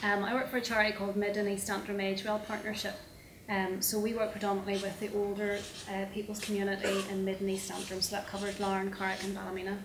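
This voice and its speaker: A woman's voice: mid-range voice, completely flat delivery, quick pace. A woman from Northern Ireland with a Northern Irish accent, introducing her charity work on a panel in a matter-of-fact way. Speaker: charity project officer on a panel. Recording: echoey hall with audible noise.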